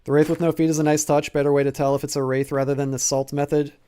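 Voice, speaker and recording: A man's voice: a little high, level tone, quick pace, warm tone, smooth. Chatty young male game streamer. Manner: casual, chatty, reads and answers chat, laughs often. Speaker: gaming streamer. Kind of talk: live-streamed gameplay commentary.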